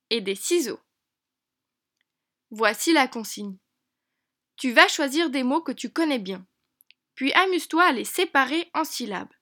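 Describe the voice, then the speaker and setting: High-voiced woman teaching young children. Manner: bright, encouraging, speaks slowly to a child. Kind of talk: children's lesson narration.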